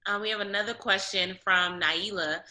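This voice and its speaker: A woman's voice: mid-range voice, steady tone, moderate pace, pushed and bright, poor audio. A woman hosting a film club talk, chatting with her guest and reading out audience questions. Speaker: film club host, interviewer. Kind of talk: casual interview hosting.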